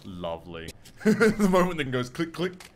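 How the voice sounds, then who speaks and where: Aussie gamer bloke talking over his playthrough, swears a lot, lively up and down voice, noisy mic. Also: on the high side, a little slow. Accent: Australian. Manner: excitable, swearing, mutters to himself. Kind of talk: casual gameplay commentary.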